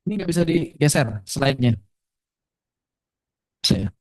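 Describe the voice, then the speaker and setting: A man with an Indonesian accent teaching Quran recitation in a casual lecture, asking the class questions and slowing down to demonstrate words. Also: fairly high pitch. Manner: lively, asks the audience questions; slows right down to demonstrate recitation.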